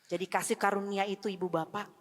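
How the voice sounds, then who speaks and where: A woman's voice: mid-range voice, level tone, fast talker. Emotional woman preaching in a reverberant church. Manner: emotional, swings between loud pleas and hushed tones; mixes in English words. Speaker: seminar speaker. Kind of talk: revival sermon. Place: church hall. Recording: long hall reverb.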